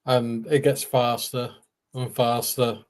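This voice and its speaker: A woman's voice: rumbling low, flat delivery, takes it slowly, a little mellow. An English woman on a casual panel who tells rambling anecdotes packed with "you know" fillers. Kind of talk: casual chat.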